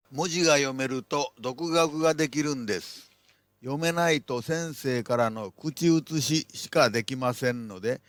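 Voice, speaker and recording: A man's voice: medium pitch, no room sound. A man narrating a scripted language lesson in a plain, instructive manner. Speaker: language teacher.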